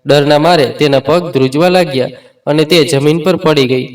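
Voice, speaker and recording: A man with a fairly high voice reads a family story aloud and gives every character's lines in his own voice. He sits a little back from the microphone, so the sound sits at a distance. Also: normal speed. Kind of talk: scripted story narration.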